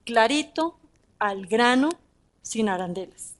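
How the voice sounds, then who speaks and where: A woman preaching a sermon, talking in an animated way with rhetorical questions and emphatic repeats. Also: a little high, takes it slowly.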